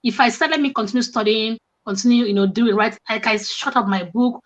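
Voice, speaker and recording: A woman's voice: a little high, a little fast, dull audio. A young woman from Africa, a coach, telling stories animatedly in casual conversation and acting out both sides of the exchanges. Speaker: guest coach.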